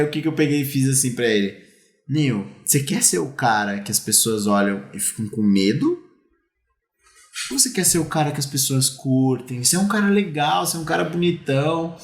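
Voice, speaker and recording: A man with a Brazilian Portuguese accent tells stories on a casual podcast, his voice sitting a little high. He is a youth sports coach who slips into the voices of the people he describes. The sound is roomy and echoey. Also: gravelly. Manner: animated, acts out dialogue in his stories.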